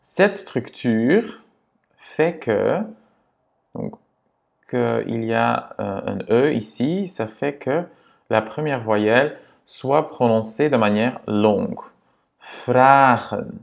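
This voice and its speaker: A man speaking walks beginners through grammar at an unhurried pace. His voice carries a gravelly rasp, and he repeats each example patiently, checking in as he goes. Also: mid-range voice, animated, darkish tone. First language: Dutch. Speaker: language teacher.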